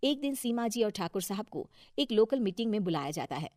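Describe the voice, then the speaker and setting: A woman's voice: medium pitch, very animated, a little fast, a little mellow, no echo. Dry-sounding woman narrating a story. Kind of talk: scripted moral story narration.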